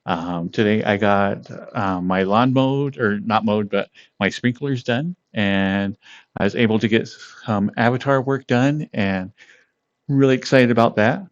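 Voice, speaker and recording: A man talks slowly and easily to his stream audience, laughing a lot and saying hello to viewers by name. His voice sits a little low. The sound is dull and lo-fi. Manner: relaxed, meandering, with fillers and pauses. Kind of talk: casual chat with live viewers.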